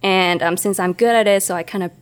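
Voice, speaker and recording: Woman, smooth clear voice, reflective, hesitant storytelling. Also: medium pitch, fast talker. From Hong Kong. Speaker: podcast co-host. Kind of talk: casual podcast storytelling.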